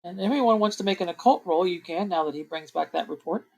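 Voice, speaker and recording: A woman's voice: lowish voice, fast talker, vocal fry, a little mellow. A woman narrating as game master in a casual, chatty way, laughing often and restarting her sentences now and then.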